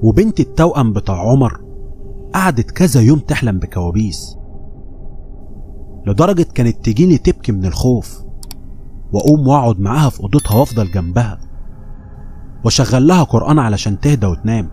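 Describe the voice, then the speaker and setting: A man with an Egyptian accent reading horror stories aloud, telling them at a steady pace and voicing the people he quotes. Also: medium pitch, fast talker, pauses often, slight background noise. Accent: Egyptian Arabic. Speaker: horror story narrator. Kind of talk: scripted horror story narration.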